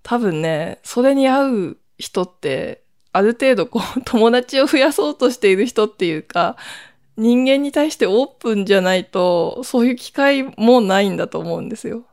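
Solo podcast host: woman, mid-pitched, smooth and clear, rambling conversational chat with side remarks. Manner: chatty, rambling with frequent asides.

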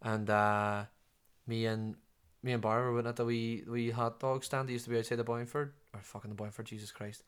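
Fast-talking Derry man telling stories. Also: medium pitch, flat delivery, clear, resonant tone. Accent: Derry, Northern Irish. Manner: swears often, rambling, restarts a lot. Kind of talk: casual chat, storytelling.

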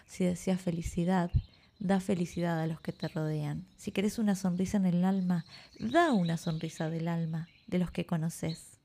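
Woman doing a gentle patient dad explaining life to his kid, mellow gravelly voice. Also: on the low side, steady tone, normal speed. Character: gentle, patient father teaching his son.

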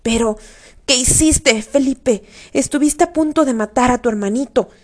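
A woman's voice: high-pitched, normal speed. A woman reading the lines of a stern, angry father scolding his son, in her own voice.

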